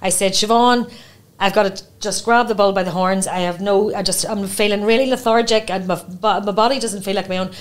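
Quick, chatty Northern Irish woman hosting an interview, affirming tone. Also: mid-range voice, fairly even intonation. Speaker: podcast host. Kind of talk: casual interview chat. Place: studio set with armchairs. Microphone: boom microphone on stand.

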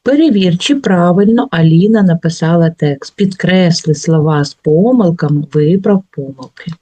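A middle-aged woman teacher giving a workbook lesson to schoolchildren, reading out example words slowly and carefully. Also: lowish voice, mellow, no room sound. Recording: dull, lo-fi recording.

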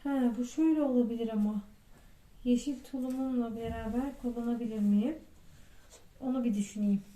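A woman's voice: fairly high pitch, fairly even intonation, a little fast, mellow. A woman vlogging a casual clothing try-on, chatty and thinking aloud as she weighs each piece. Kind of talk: casual try-on haul vlog. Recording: echoey room with faint noise.

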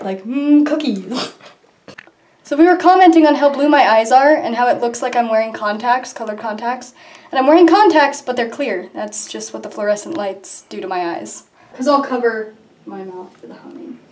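A woman's voice: a little high, moderate pace, a little mellow. A young woman cosplayer chatting playfully while filming behind the scenes in a small home bathroom, recorded on a camcorder. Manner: playful, joking. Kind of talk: casual chat. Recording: echoey bathroom, faint noise.

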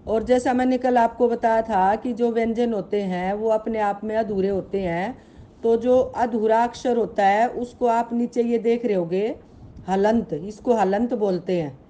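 A woman's voice: a little high, a little slow, dark tone. A woman teaching Sanskrit in an online grammar lesson. She patiently spells out sounds, asks her pupils questions and calls them beta. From Haryana, India.

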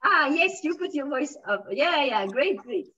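A woman's voice: high-pitched, lively intonation, a little slow, pushed and bright, highs cut off. A woman with a French accent teaching a beginners' French lesson, patiently modelling phrases and encouraging her students.

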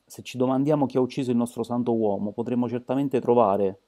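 A man's voice: medium pitch, fast, warm tone, natural voice. A man doing a pompous politician. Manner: pompous, oratorical. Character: pompous middle-aged male politician.

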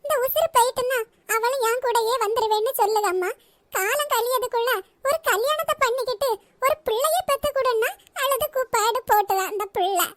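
Squeaky little cartoon granny a woman voicing her, all fond and teasing, chuckly. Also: fairly quick, fairly bright tone. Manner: fond, calls granddaughter dear, chuckling. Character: affectionate old grandmother, doting and teasing. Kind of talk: cartoon voice acting.

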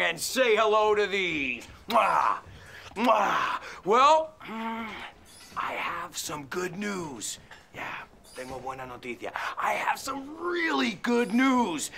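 A brash, showy fitness guy who swings his voice up and down as he talks and never tones it down. His voice rings bright and forceful, set against a faint hum of background noise. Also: high-pitched, vocal fry, heavily acted. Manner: brash, showy, blows kisses. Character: boastful male fitness showman, loud and upbeat. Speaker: fitness character teaching English.

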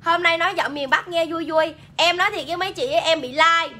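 A woman talks a little fast in a very high, pushed, bright voice. She has a Southern Vietnamese accent and hosts a chatty live sales stream, reading viewers' comments out and pushing products in a casual pitch.

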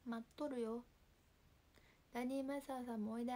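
A young woman with a Kansai accent, chatting casually on a livestream and reading viewer comments in a soft, calm voice that often drops near a whisper. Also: on the high side, brisk. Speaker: livestream host. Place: home.

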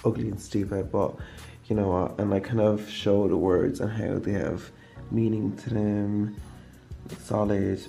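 Tired young guy, flat gravelly voice, says "like" a lot, chatting in his kitchen. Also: lowish voice, unhurried, faint music behind. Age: young adult. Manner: rambling, heavy use of "like". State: tired from lack of sleep. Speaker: design student vlogger. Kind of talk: casual storytelling vlog. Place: home kitchen, indoors.

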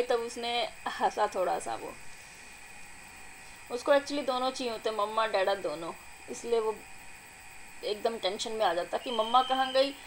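Young woman doing a voice-over for her vlog, chatty and doting, kinda high pitched. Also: slight background noise, rough recording. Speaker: vlogger, mother. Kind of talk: voice-over narration of family video. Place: recorded apart from the filmed scene.

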